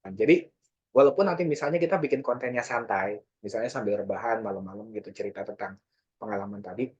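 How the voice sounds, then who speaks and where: Husky-voiced man teaching casually. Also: fairly low pitch, fast talker, dull audio. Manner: relaxed, chatty, often acts out example lines. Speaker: workshop speaker. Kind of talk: casual online workshop talk.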